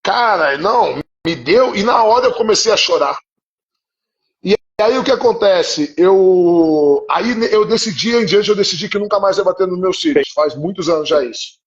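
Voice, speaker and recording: A man's voice: sits high, expressive, normal speed. A man, a psychoanalyst guest, telling a personal story in an earnest, confessional way. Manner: earnest, confessional, often asks "entende?". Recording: muffled live-stream audio.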